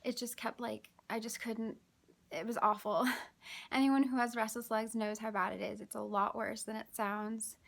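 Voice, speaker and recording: A woman talking casually to her vlog viewers, exhausted and out of breath, with a weary, halting delivery and frequent sighs. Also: fairly high pitch, little pitch movement, gravelly. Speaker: vlogger.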